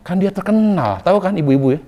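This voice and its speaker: A man's voice: sits high, big pitch swings, quick pace, mellow. A man preaching a casual sermon to a women's study group, chatty and humorous, with colloquial asides and repeated points for emphasis. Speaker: Islamic preacher.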